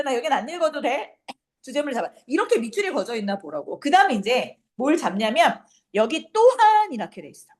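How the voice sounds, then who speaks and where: A middle-aged woman with a high voice that leaps up and down as she lectures high school exam students. She talks briskly, scolds a little and drills her class with rhetorical questions. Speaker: high school English teacher.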